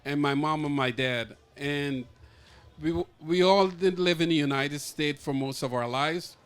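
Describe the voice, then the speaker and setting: A man from Guyana presents his memoir to a crowd. He speaks slowly, often restarting his phrases, in a slightly high voice. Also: clear, resonant tone. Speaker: memoir author. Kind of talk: book presentation.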